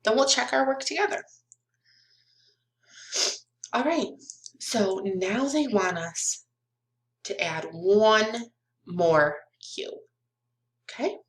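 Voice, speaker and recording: A woman's voice: medium pitch, slow, pauses often. A young woman giving a recorded lesson to small children like a kids show host, in simple, encouraging words, asking questions and counting along. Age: young adult. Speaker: kindergarten math teacher. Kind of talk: recorded children's lesson, talking directly to pupils. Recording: roomy, echoey webcam sound.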